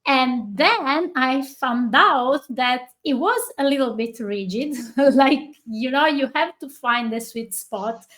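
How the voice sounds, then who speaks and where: A woman hosts a podcast interview over a video call. She talks slowly and chattily, with a slightly high voice. She often pauses and starts her sentences again. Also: fairly bright tone. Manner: chatty, slow and halting, with laughs. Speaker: podcast host.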